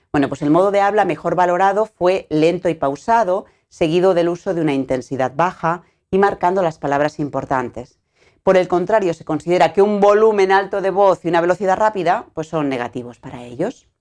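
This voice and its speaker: Low-voiced woman presenting research. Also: darkish tone. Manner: measured, explanatory delivery with frequent "pues" fillers. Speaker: conference presenter. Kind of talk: academic conference presentation.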